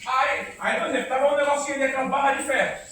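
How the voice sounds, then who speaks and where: A man preaching an informal church sermon, animated and quizzing the congregation. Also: very high voice, very fast. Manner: animated, asks the congregation questions, acts out quotes. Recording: echoey room from far off, faint noise.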